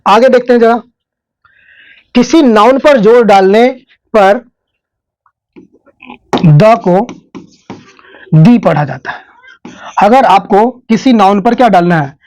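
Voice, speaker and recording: A man with a Hindi accent teaching English grammar in a classroom style. He keeps asking questions and answering them himself, and he says his English example sentences slowly. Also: high-pitched, darkish tone, no echo, poor audio.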